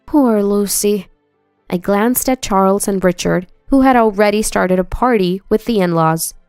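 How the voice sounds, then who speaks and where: Woman narrator, first-person story, smooth clear voice, dry close sound, faint music behind. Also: medium pitch, unhurried, a little mellow, dry recording.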